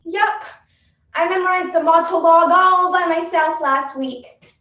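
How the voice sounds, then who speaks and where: A woman's voice: very high-pitched, a little slow, dull audio, voice pushed up. A young woman performing a bubbly, ditzy teenage girl actress with an overdramatic, squealing delivery, heard in an echoey room from a distant mic. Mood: squealy eager. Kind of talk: competitive humorous interpretation.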